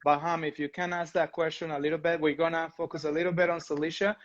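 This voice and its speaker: A man's voice: fairly high pitch, level tone, fast talker, dull audio. A man hosting a livestream interview, enthusiastic and upbeat as he asks his guest questions. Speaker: host.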